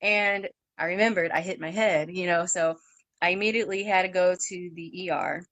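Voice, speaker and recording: A young woman in her twenties telling her story in an interview, halting, with fillers and restarts, and acting out what others said in a raised voice. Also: on the low side, steady tone, a bit bright, dry recording. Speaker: guest sharing her story.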